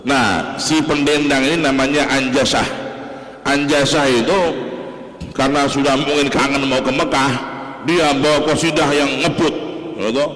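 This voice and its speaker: A man's voice: medium pitch, moderate pace, long pauses. Javanese-accented man preaching in an echoey mosque. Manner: animated, repetitive, addresses the audience directly. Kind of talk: morning sermon study. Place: large mosque hall. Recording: echoey mosque hall with long reverb.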